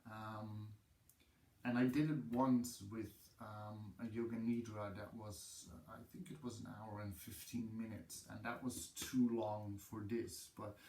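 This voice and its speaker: Dutch guy yoga teacher, lots of ums, flat low voice, echoey room. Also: measured pace, recorded from a distance. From Netherlands. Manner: hesitant, many ums. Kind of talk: casual talk to camera. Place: room with a wooden floor.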